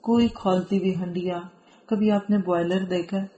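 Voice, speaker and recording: A woman's voice: lowish voice, steady tone, warm tone, highs cut off. A woman from Pakistan giving a Quran commentary lecture, earnest and admonishing, reciting Arabic verses and explaining them. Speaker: Quran teacher. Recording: roomy echo.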